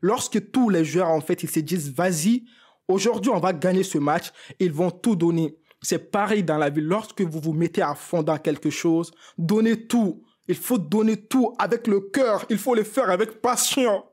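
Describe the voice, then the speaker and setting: A man giving an emotional football match reaction to his viewers, repeating himself as he tries to calm down. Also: sits high, normal speed, breathy edge. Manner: excited, repeats himself, talks straight to viewers. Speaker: football video creator.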